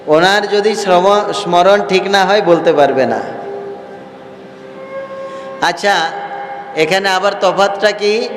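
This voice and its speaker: High-voiced monk preaching in an echoing hall. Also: male voice. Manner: slow, repeating phrases and asking the listeners questions. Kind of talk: devotional sermon. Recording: roomy hall reverb with faint music.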